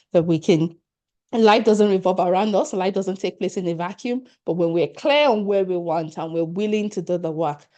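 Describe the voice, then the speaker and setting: A middle-aged woman with a Nigerian accent and a mellow, lowish voice leads an online workshop over a video call. As a leadership coach, she speaks directly to attendees in an earnest, encouraging way.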